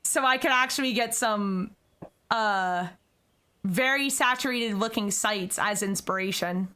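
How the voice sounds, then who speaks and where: Speaking at a measured pace in a mid-range voice, a young adult streamer talks directly and chattily to her viewers. She's tearful with joy and bursts into excited squeals now and then.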